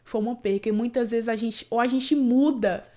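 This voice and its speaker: A woman's voice: on the high side, normal speed, warm tone. A woman, a guest telling a personal story in earnest, with many fillers and restarts. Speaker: interview guest, cleaning business owner. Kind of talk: emotional personal story in casual conversation.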